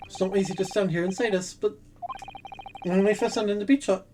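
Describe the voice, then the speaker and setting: A woman voicing an excitable, indignant and evasive male witness in a game, in a put-on voice that keeps slipping. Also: medium pitch, fairly quick, over music, lightly acted. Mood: hesitant.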